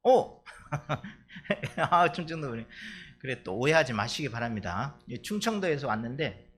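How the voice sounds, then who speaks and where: A man's voice: medium pitch, big pitch swings, normal speed, fairly bright tone. A male pastor from Chungcheong preaching a sermon in a church, chatty and playful with the congregation. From Chungcheong, Korea. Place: church sanctuary.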